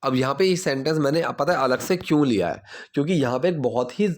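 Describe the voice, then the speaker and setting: A man teaching English grammar in Hindi, explaining step by step and saying the English example sentences slowly. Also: mid-range voice, lively intonation. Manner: explains step by step, checks with "theek hai?".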